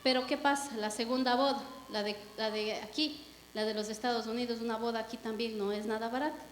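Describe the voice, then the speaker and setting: A young woman from Ecuador giving a lively testimony to a church congregation, telling her story with acted-out quotes. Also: a little high, brisk, slight background noise. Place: church hall. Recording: echoey hall with long reverb.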